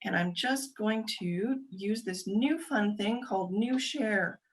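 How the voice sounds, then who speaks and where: A young adult woman giving a quick, chatty webinar presentation over a video call, explaining steps with frequent ums and uhs. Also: mid-range voice. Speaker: presenter for a government agency.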